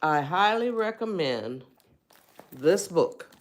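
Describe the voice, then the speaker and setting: A woman's voice: fairly low pitch, expressive, takes it slowly. Emphatic woman hosting a live stream. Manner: emphatic and repetitive, often checks in with listeners; speaks directly to viewers as a group. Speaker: author and parenting speaker. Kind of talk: live-stream motivational talk. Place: her own live stream.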